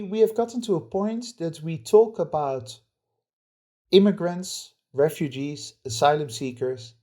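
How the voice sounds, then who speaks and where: Male podcast co-host, mellow timbre, indignant opinion rant. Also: fairly high pitch. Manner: indignant, ranting.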